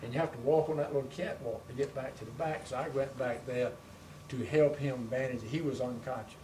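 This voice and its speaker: Old man, veteran remembering the war, plain-spoken, conversational, mid-pitched, noisy distant recording. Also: steady tone, a little fast. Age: elderly. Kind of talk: recollecting wartime service in conversation. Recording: noisy room, distant microphone.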